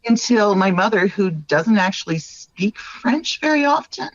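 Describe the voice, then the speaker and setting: Unhurried, with big swings in her medium-pitched voice, a middle-aged wildlife artist from Northern Ontario, Canada, speaks as a podcast guest. Her manner is earnest and reflective in a candid interview, full of "like" and "right?". The sound is lo-fi, without echo.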